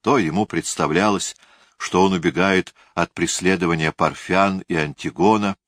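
A man reads a historical novel aloud in a measured, grave manner. His voice is very low and deep. The recording is dry, with no room sound. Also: steady tone, fairly bright tone, no echo. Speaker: narrator.

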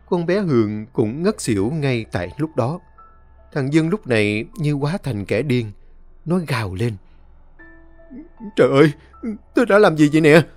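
Male horror narrator, dramatic and expressive, lively pitch, soft music under the voice. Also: dry recording. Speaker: storyteller. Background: faint music.

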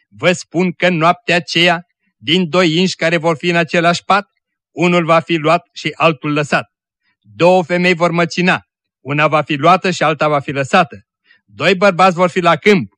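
A man's voice: fairly high pitch, fairly bright tone, no room sound, studio quality, close to an everyday voice. A man reading the part of a solemn believer who warns urgently of the end, declaiming with rising emphasis.

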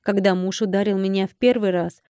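A woman narrating an audiobook in the first person, in an even, measured storytelling manner. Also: mid-range voice, smooth, dry recording, studio quality.

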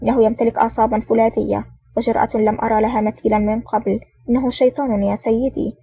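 Scared henchman guy read by a woman, raspy, quick, lo-fi. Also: a little high, little pitch movement, warm tone. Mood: frightened. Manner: trembling, pleading. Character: frightened male henchman. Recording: dull lo-fi audio.

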